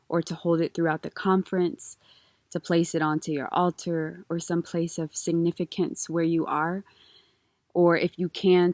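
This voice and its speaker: A woman facilitating a calm guided grounding exercise in a gentle, unhurried, reverent manner, leaving soft pauses. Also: on the low side, dry recording, clean studio sound. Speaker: meditation facilitator.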